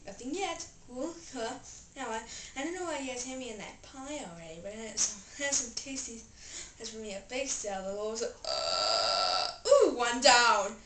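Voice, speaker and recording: A woman's voice: fairly high pitch, normal speed. A woman play-acting a cartoon comedy scene in an exaggerated, theatrical manner, in an amateur style. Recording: roomy, distant mic with clear noise.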